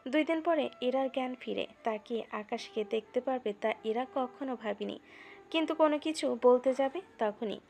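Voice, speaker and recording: Female narrator, scripted romantic storytelling, fairly high pitch. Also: normal speed, creaky, a little mellow, faint music behind.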